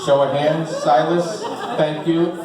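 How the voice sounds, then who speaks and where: Before a small live crowd audible in the background, a man in his fifties rambles through self-deprecating stand-up packed with fillers. His voice is fairly high with little pitch movement and a slow pace, captured from a distance in an echoey room.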